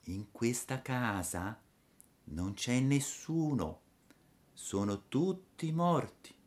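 A ghostly little girl speaking softly and slowly, flat and far away, as a man puts her on. Her voice is hushed and drawn out, slightly raised and oddly distant in timbre. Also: mid-range voice, voice pushed up. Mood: eerie. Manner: soft, slow and toneless. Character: ghostly pale little girl, still and eerie. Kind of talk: storybook reading.

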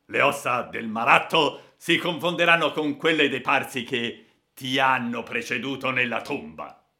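A ferocious bandit full of cold hatred, as a male narrator puts him on, slow and deliberate with a gravelly rasp. He gloats over his captive in a loud, menacing voice, sharp and bright in tone. A storybook villain through and through. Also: medium pitch, expressive, pitched above the performer's own voice, exaggerated voice. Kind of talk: audiobook character voice.

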